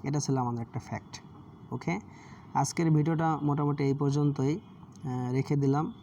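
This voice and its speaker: A man with a Bangladeshi accent teaching English grammar over a screen share, often checking in with his listeners and reading English examples slowly. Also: on the high side, fairly even intonation, warm tone, muffled recording, a little hiss or hum. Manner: explanatory, frequent "ঠিক আছে?" check-ins, reads English examples slowly.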